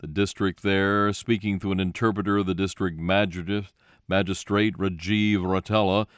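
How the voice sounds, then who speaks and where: A man's voice: low voice, fairly even intonation, normal speed, smooth, no echo. A man reading scripted radio news as the anchor.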